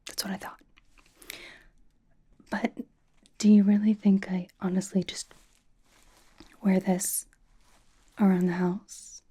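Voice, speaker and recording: Taking it slowly and pausing often, a woman in a mid-range breathy whisper acts as a vain, sassy young K-pop star fawning over a fan for ASMR. She comes across as teasing and incredulous, keeping a deadpan delivery.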